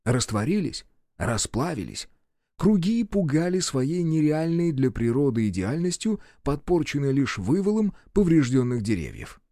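A man narrating an adventure novel in an expressive storytelling manner. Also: a little high, normal speed, no echo, clean studio sound. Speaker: audiobook narrator.

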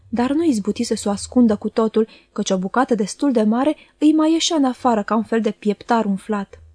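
Calm woman reading a novel aloud. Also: fairly high pitch, no room sound, clean studio sound. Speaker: audiobook reader. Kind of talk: literary audiobook narration.

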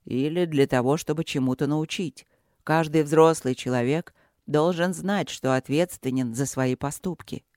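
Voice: medium pitch, dry recording, studio quality, pitched below the performer's own voice, close to an everyday voice. A narrator doing a serene dragon blade master. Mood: calm. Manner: unhurried, gently patronizing.

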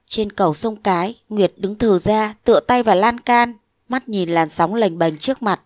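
A woman narrating a short story in a measured storytelling cadence. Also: medium pitch, a little mellow, no room sound. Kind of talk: scripted audiobook narration.

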